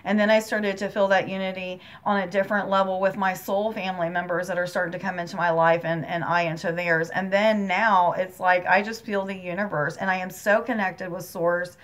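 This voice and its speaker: A woman's voice: fairly low pitch, steady tone, a little fast, hardly any pauses. A woman talking directly to her viewers about a spiritual experience, earnest and emotional, rambling and repeating herself, calling them guys. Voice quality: emotional, near tears at times, earnest. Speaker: spiritual channel host. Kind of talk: personal spiritual talk to viewers.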